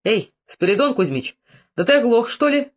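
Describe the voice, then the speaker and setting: A man reading aloud voices a rough, bullying peasant master who shouts at his young worker. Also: sits high, animated, fast talker, lo-fi sound. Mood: shouting. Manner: mock-tender then shouting, rough.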